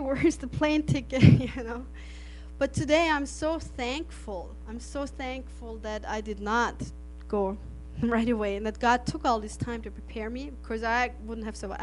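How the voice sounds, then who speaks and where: A woman with a fairly high-pitched voice is heard on poor audio. Middle-aged and from Austria, with German as her native language, she earnestly delivers a missionary testimony to an audience, frequently laughing and restarting phrases.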